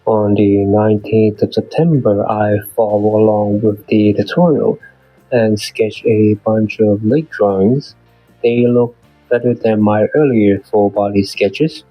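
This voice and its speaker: A man with a lowish voice records his channel's weekly progress recap, reading it plainly and earnestly as a beginner artist whose voice is still off from a flu he's recovering from. The audio has no room sound and the highs are cut off.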